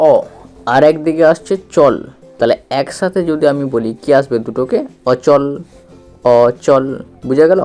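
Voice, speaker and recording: A man's voice: a little high, mellow. A man gives a reading lesson for children. He spells out letters, repeats syllables and asks the listener questions. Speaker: teacher.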